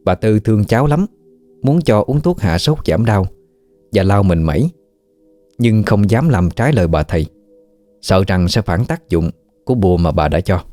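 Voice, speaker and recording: A man narrating a ghost story in a steady, measured way. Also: lowish voice, soft background music.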